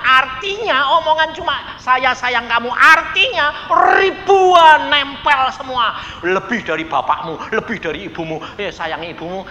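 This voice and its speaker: A man with a Javanese accent preaching a sermon, telling stories and swinging between soft and loud. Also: high voice, muffled recording. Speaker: pastor. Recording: echoey hall with faint noise.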